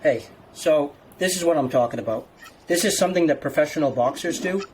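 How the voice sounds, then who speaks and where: Higher-pitched man giving casual instructions. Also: a little fast, a little hiss or hum, rough recording. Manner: step-by-step instructing.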